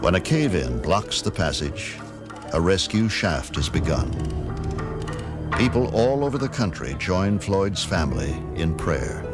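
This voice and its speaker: A man reading scripted nature documentary narration in a measured, dramatic storytelling manner. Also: low voice, very animated. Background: music.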